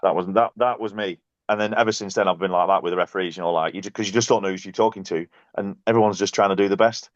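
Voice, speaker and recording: A man, a podcast guest and coach, telling self-mocking basketball stories in a casual, animated way. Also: low voice, fast, hardly any pauses, no room sound. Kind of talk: casual storytelling. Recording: dull, dry, lo-fi sound.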